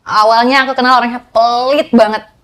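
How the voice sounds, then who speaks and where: Cewek logat gaul, cerita blak-blakan ngebut, suara agak tinggi. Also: female voice, fairly high pitch, steady tone, fairly bright tone. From Jakarta, Indonesia. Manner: candid, rapid storytelling. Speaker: guest telling her own story. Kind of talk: casual podcast chat.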